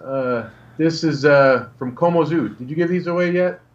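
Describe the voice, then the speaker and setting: A man's voice: on the high side, normal speed, dull audio. A man showing off collectible prizes in natural unscripted talk, rambling and hesitant. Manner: rambling, hesitant show-and-tell.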